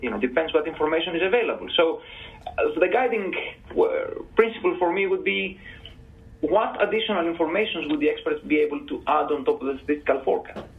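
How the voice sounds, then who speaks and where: A man on a panel explaining his answers to audience questions in a measured, careful way. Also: on the high side, gravelly. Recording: tinny phone-like sound.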